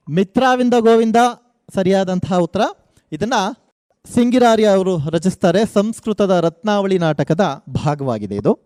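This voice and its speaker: A man runs a college quiz show on the radio, his voice a touch high and mellow. He spells out questions slowly and cheers the teams on with energy. The sound is dry and close. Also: no echo. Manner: energetic, coaxing contestants, slow emphatic questions. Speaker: quizmaster.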